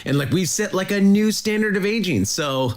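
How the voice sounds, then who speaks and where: A man in his thirties ranting straight to camera in a social media clip. His voice is a little high and swings widely for punchy emphasis, with a faint hiss of noise behind him. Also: lively intonation, moderate pace. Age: 30s. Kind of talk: direct-to-camera rant.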